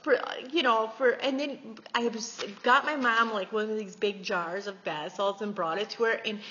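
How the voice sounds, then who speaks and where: A beauty vlogger in her 40s chats and giggles while gushing over gifts she's showing off. Her mid-range voice is pushed and bright at a moderate pace, and the recording sounds echoey and slightly dull, with faint hiss.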